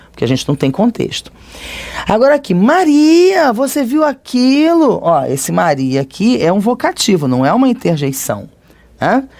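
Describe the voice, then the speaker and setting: Lively Brazilian Portuguese teacher. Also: mid-range voice. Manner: conversational, checks in often with tag questions. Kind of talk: recorded grammar lesson.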